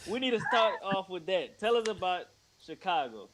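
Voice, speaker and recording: A man's voice: high-pitched, animated, normal speed, fairly bright tone, slight background noise. A man hosting a podcast, chatting in a loose, slangy, joking way. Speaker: podcast host. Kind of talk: casual chat.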